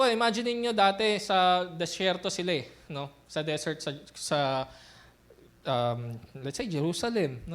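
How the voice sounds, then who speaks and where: A young man delivers a sermon in a loose, talky way, his voice sitting noticeably high for a man. He keeps the congregation close with frequent short tag questions, mixing explanation with everyday asides. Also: a bit bright. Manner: conversational Taglish preaching with frequent "no?" tag questions. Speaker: pastor.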